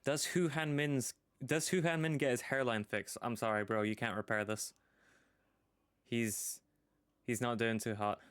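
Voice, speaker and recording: A man's voice: medium pitch, steady tone, measured pace, a bit bright, clear, resonant tone. A man on a stream call, making casual, joking, offhand asides.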